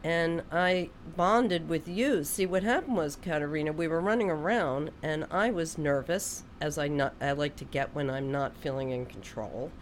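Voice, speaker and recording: Speaking in a deep voice at a moderate pace with hardly any pauses, this radio host chats casually with a guest in the studio. She rambles, pokes fun at herself, and keeps restarting her sentences. A faint hiss or hum sits under the audio.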